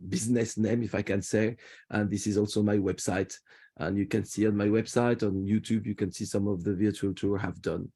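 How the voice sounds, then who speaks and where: Tour guide, male, Parisian French accent, low mellow voice, chatty over video call. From France. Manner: friendly, chatty, restarts phrases. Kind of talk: virtual museum tour talk.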